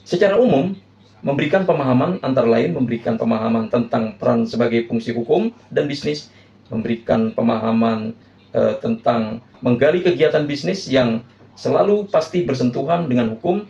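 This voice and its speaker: A male lecturer reads through a course overview in a formal, steady way, stopping now and then on hesitant fillers. His voice is gravelly and mellow. The recording is dull and roomy, with a clear echo. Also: mid-range voice. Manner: formal, listing points with filler pauses. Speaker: university lecturer.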